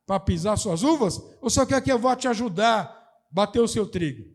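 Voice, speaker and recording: A man's voice: high-pitched, animated, fairly quick. A man preaching a sermon, voicing an ancient king who asks exasperated rhetorical questions in a raised voice. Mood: bitter, ironic. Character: desperate ancient king, bitter and ironic.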